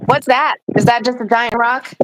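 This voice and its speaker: High-voiced middle-aged woman, live streaming. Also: fairly even intonation, normal speed, noisy background. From Guam. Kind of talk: casual live stream chat.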